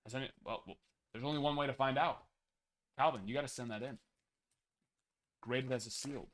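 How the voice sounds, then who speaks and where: A young guy leads a live card break with brisk, medium-pitched speech, calmly reeling off numbers one after another. He's easygoing about it, but his voice is wearing out.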